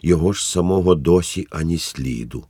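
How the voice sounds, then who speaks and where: A man narrating a classic novel as an audiobook in a measured, even way. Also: deep voice, husky, no room sound.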